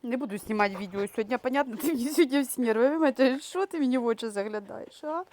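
A woman's voice: a little high, very fast, darkish tone. A Ukrainian woman dog breeder, tearful, cooing baby talk to her puppies in an emotional vlog. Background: dogs.

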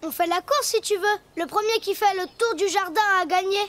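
An actress voicing Trotro, a playful, cheeky little male donkey in a children's cartoon, talking in a sing-song way. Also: a bit bright. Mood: boastful. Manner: high, sing-song child voice, slow and clear. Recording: music playing behind.

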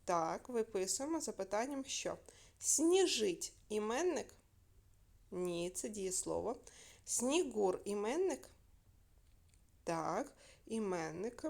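Teacher, woman, recorded remote lesson for young pupils, clear and patient, quizzes and answers herself. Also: medium pitch, expressive, takes it slowly, pauses often, darkish tone. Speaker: primary school teacher.

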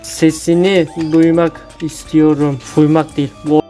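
A man's voice: fairly high pitch, flat delivery, a little slow, mellow, faint music behind. A man who is a YouTuber, giving crude, mocking commentary as he reads chat messages aloud. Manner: crude, mocking, swears a lot.

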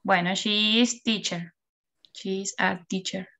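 Argentine woman student on a call, bright voice, slow and unsure sounding out english words. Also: mid-range voice, steady tone. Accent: Argentine Spanish. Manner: hesitant, sounds out English words, asks questions. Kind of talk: classroom practice, reading answers.

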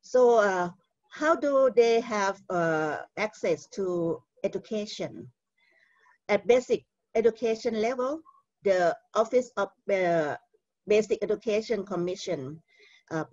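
Thai-accented woman giving a halting keynote. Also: medium pitch, a little mellow. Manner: careful, halting delivery with frequent "uh" fillers. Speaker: keynote speaker. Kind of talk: conference keynote presentation. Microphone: video call. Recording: dull lo-fi video call audio.

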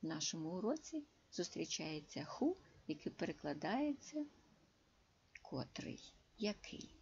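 A woman teaching English, slowly and carefully translating and explaining words one by one. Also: lowish voice, very animated, a little mellow, slight background noise. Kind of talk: slow bilingual lesson, translating words. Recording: dull lo-fi recording.

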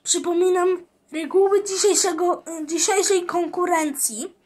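A woman's voice: extremely high pitch, steady tone, unhurried, darkish tone, pitched above the performer's own voice. A woman reading as a stern announcing judge. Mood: formal. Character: stern male chief judge announcing rules.

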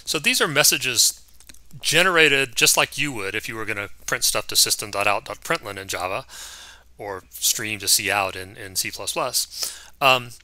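A man giving a recorded course lecture in a relaxed, conversational way, with frequent ums and restarts. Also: on the low side, normal speed, dry recording. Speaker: course instructor.

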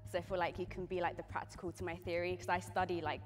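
Woman, 20s, low-ish voice, earnest, "like"-heavy. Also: flat delivery, fast. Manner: earnest, with frequent "like". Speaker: dating show contestant. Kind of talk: casual chat. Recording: played-back show audio.

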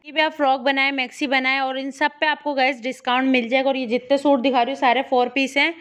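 A woman's voice: high-pitched, level tone, quick pace, fairly bright tone. A woman giving a casual shopping vlog from a fabric shop in an indoor market, talking to viewers in chatty, repetitive sales patter through a handheld phone. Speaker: shopping vlogger.

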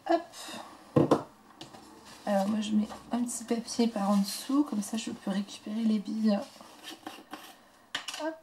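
Soft-spoken woman with a gravelly edge. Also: medium pitch, a little slow, pauses often, noisy background. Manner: chatty, soft-spoken, drops into quiet murmurs while working. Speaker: craft tutorial host. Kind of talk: casual step-by-step craft demo.

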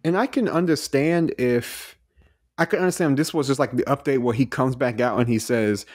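Man, casual podcast chat, emphatic, slangy, mid pitch, dry sound. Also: moderate pace, darkish tone, no room sound. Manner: informal and emphatic, slangy asides. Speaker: podcast guest.

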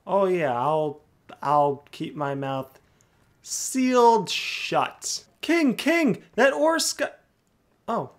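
A man's voice: a little high, animated, very slow. A man voicing a nervous, naive and eager young errand-runner, stammering and gushing as he role-plays through a video game. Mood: excited, gushing. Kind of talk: role-play gameplay commentary in character.

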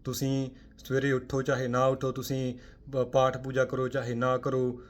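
A man's voice: monotone, normal speed. Emphatic man giving a Sikh spiritual talk. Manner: forceful, full of rhetorical questions; swings between loud emphatic bursts and quiet low asides.

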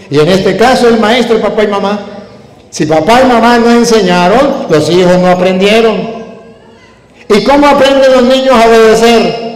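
A priest giving a wedding-mass sermon, emphatic and full of rhetorical questions. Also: male voice, high voice. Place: church during a wedding mass. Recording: echoey church hall.

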